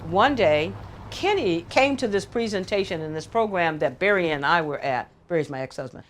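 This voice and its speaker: An older woman from California recounting personal family history in an interview, telling her stories with lively acted-out dialogue. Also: fairly low pitch, normal speed, a little hiss or hum. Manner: animated storyteller who acts out the voices of people she quotes. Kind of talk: storytelling interview.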